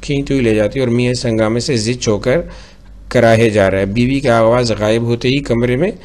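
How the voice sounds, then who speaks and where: A man's voice: medium pitch, fairly even intonation, fairly quick, a little mellow. A male teacher reading a play aloud and explaining difficult words. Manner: explains hard words plainly.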